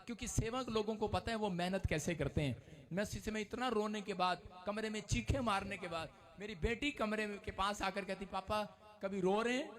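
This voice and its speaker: A male pastor preaching an emotional sermon, often shouting. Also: high voice, a little fast.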